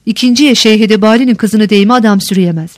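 A woman's voice: medium pitch, fast, darkish tone, no echo, clean studio sound, lightly acted. A woman reading the part of a shrewd young woman who questions her friend insistently. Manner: probing, insistent.

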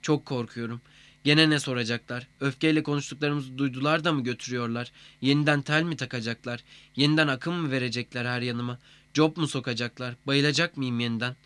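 A man reading a literary first-person story in a plain, measured way. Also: mid-range voice, steady tone, a bit bright, smooth, dry recording.

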